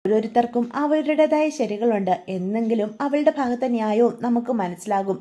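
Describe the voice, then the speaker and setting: Name: Mithra. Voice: a woman doing a calm, reasonable young niece, mellow. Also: a little high, fairly quick, lightly acted. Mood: gentle. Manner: gentle and reasoning.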